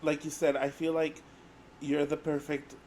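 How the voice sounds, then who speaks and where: A man's voice: on the high side, level tone, unhurried, a crowd in the background. A man in his twenties with a Spanish accent, co-hosting a casual podcast chat and often searching for words mid-sentence. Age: 20s. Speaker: podcast co-host.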